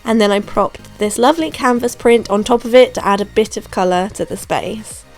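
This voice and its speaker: With a throat infection leaving her hoarse and gravelly, this young home renovation vlogger records a laid-back voiceover in a mid-range voice at a moderate pace. Soft music plays underneath as she chats away, relaxed and self-deprecating.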